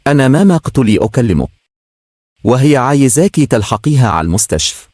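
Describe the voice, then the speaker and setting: A man's voice: medium pitch, sing-song, quick pace, darkish tone, dry recording, pitched above the performer's own voice. A man reading a story aloud, voicing an anxious young woman with an Egyptian accent who delivers urgent news in a breathless way. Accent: Egyptian Arabic.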